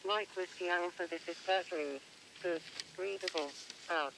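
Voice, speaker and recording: A man's voice: high-pitched, steady tone, moderate pace, vocal fry. A synthetic male radio operator voice heard over a radio transceiver, giving clipped procedure words and spelled-out letters. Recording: noisy radio receiver audio.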